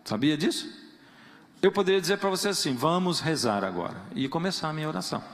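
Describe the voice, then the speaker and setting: A man's voice: a little high, expressive, quick pace. Man preaching in a reverberant church. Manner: playful storytelling, acting out quoted prayers in other voices. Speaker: pastor. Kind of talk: sermon. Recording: long reverb of a church hall.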